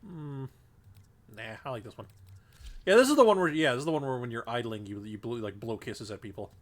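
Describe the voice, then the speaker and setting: Through a desk microphone, a congested man offers casual gameplay commentary while streaming, rambling and thinking aloud with many fillers. His voice is mid-range and brisk, with lively intonation.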